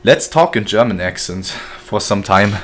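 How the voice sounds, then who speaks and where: A man's voice: lowish voice, lively intonation, moderate pace, a bit bright. A man casually commenting on his gameplay during a live stream, joking and chatting with his viewers. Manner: joking, chatty, reads chat aloud. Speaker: game streamer.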